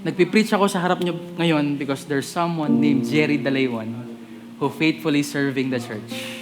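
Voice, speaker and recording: A man preaches a sermon in a high voice, sliding between Tagalog and English. He talks to the congregation in a chatty, joking way, and soft guitar music plays behind him the whole time. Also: normal speed. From Philippines. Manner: switches between Tagalog and English mid-sentence.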